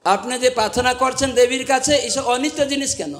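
A monk preaching a devotional sermon to a live audience, asking it rhetorical questions and quoting scripture. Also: male voice, extremely high pitch, a little fast, fairly bright tone.

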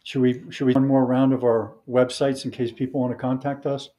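A man speaking as a wellness coach and podcast guest, giving advice in a measured way and listing points one by one. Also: medium pitch, little pitch movement, warm tone.

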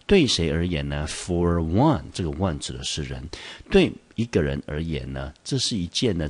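A man's voice: very deep voice, slightly rough. A male English teacher with a Taiwanese Mandarin accent, explaining a word step by step and asking the class questions. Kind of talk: vocabulary lesson. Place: school teaching studio.

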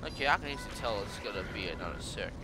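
A young man commenting on his own racing game play, swearing and shouting at his opponents, his voice worn from yelling. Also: lowish voice, very animated, racing, loud music behind the voice. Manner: frustrated, swears and yells at opponents. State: voice strained. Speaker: let's play gamer. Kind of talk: gameplay commentary.

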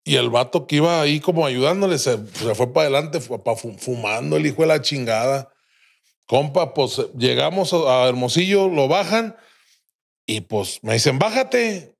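This young Mexican-accented guest on a podcast spins a raunchy, colorful tale loaded with slang and curse words in a relaxed storytelling style. His voice is mid-range with vocal fry, and he talks at an ordinary pace.

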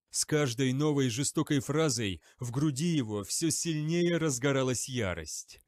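A man reading an audiobook in a steady, dramatic narrating style. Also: mid-range voice, no room sound, clean studio sound. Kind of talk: scripted narration.

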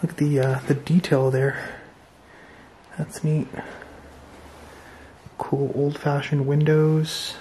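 A man hosting an exploring vlog, walking through an abandoned farmhouse and reacting with excited, wondering remarks into his camera mic. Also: a little high, slow, pauses often, a little hiss or hum. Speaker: urban explorer host. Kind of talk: walkthrough vlog narration. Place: abandoned stone farmhouse, indoors.

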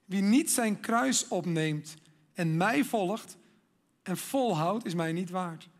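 A man giving a sermon, earnest and emphatic, building up to loud exhortation. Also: high voice, lively intonation, takes it slowly.

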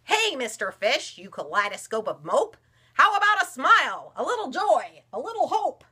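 A squirmy, cheeky squid bounces high and bright through her question, with a woman putting her on for a storybook. The voice lifts and swoops playfully. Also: very animated, moderate pace, exaggerated voice.

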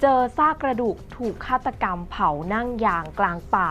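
A woman's voice: mid-range voice, animated, moderate pace, a bit bright. Chatty woman news presenter, faint music. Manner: frequent polite particles, chatty delivery. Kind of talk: conversational news reading. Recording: slightly dull recording with faint music behind.

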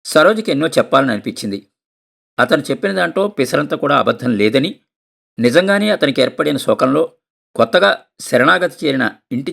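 A man from Andhra Pradesh, India, reading a short story aloud in a measured, calm way. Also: mid-range voice, vocal fry.

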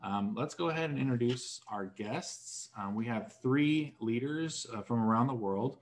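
A man moderating a recorded online panel, measured and with frequent fillers, over a video call. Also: medium pitch. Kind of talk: webinar moderation.

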